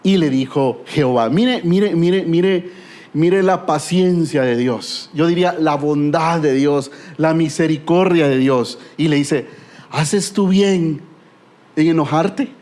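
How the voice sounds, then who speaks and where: A man's voice: on the high side, measured pace, darkish tone. A middle-aged man preaching a sermon with a Guatemalan Spanish accent, telling stories with humor and rhetorical questions.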